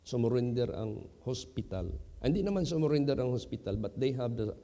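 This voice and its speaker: A slow, gravelly man with a Filipino accent delivers a sermon in a reverberant church hall. His tone is dark and unhurried. He often jumps to loud, high emphasis on key words. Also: expressive. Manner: switches between English and Filipino, slow, emphatic, sudden loud high rises. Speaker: pastor.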